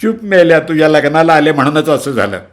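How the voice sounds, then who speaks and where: Shrill, quarrelsome middle-aged aunt, voiced by a man, high and forceful. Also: normal speed, close to an everyday voice. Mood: angry wailing. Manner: shrill, scolding. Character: loud tearful middle-aged aunt, quick-tempered.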